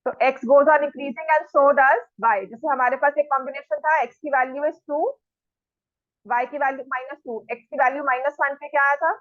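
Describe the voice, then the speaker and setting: A woman with a high voice teaches a maths class, repeatedly checking that students are following, and scolds them firmly while addressing them directly. She speaks at a moderate pace in a steady tone. The recording is dry, slightly dull, lo-fi, and without echo.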